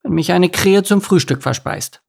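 A man's voice: high-pitched, moderate pace, gravelly, breathy edge, pitched above the performer's own voice, heavily acted. A man voicing a timid, anxious young male duckling who mutters his worries in a storybook reading.

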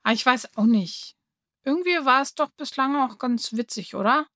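A woman's voice: sits high, moderate pace, bright, forceful tone, no room sound, studio quality, pitched above the performer's own voice. A woman voicing a shy, thoughtful schoolboy who talks hesitantly. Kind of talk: audiobook reading.

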